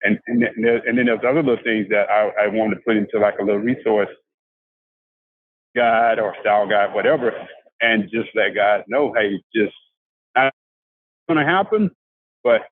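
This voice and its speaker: An older man from South Carolina, a guest talking about life after prison in a halting, casual way with many restarts. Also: on the low side, dry recording. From South Carolina, USA. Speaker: formerly incarcerated guest. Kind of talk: casual conversational interview. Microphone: handheld phone on a video call. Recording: dry, tinny phone-like video call audio.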